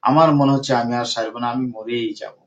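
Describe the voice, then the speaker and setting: A man's voice: medium pitch, steady tone, fast, voice pushed down, natural voice. A man voicing a weary middle-aged patient who repeats their complaints in a pleading, tired tone. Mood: complaining. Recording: dull lo-fi recording.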